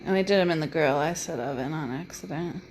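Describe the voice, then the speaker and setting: Lady off camera asking quick questions, lowish voice. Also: a little mellow, slight background noise. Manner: asks short, plain questions. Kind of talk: casual conversation.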